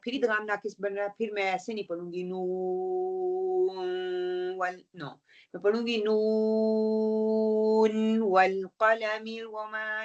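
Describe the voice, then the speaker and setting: A woman teaching Quran recitation rules in an online lesson, explaining patiently, checking in with her students, and slowly reciting example verses. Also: mid-range voice, lo-fi sound. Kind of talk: online tajweed lesson, mixing Urdu and English.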